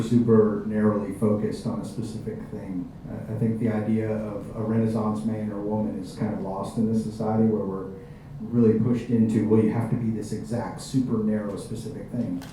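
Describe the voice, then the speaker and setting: A man's voice: lowish voice, mellow. A man speaking on a panel to an audience, giving encouraging advice with emphatic repeated words. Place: panel event room with an audience. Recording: very echoey room, distant mic, faint noise.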